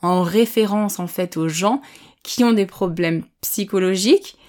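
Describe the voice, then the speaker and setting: A woman teaching a vocabulary lesson, slowly and distinctly explaining each word with everyday examples. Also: medium pitch, darkish tone. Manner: patient, clear explanations with examples; speaks slowly and distinctly on purpose. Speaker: French language teacher.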